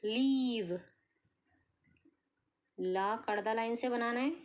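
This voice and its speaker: A woman teaching shorthand step by step, asking questions and answering them herself, sounding out letters slowly. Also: fairly high pitch. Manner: explains patiently, asks and answers her own questions, sounds out letters slowly. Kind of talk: step-by-step tutorial.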